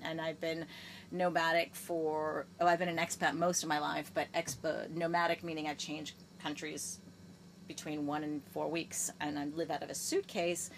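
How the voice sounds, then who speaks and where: An American gerontologist in her fifties chats enthusiastically as a guest in a podcast interview, often restarting her phrases. She has a deep voice, and there's a little hiss or hum in the recording.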